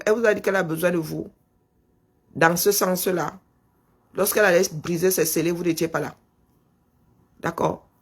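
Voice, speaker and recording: A man's voice: sits high, vocal fry, a bit bright, husky. A middle-aged man with a Cameroonian French accent hosting a political live stream, pressing his point with rhetorical questions and calling out punctuation as he speaks. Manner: insistent, rhetorical questions, dictates punctuation aloud.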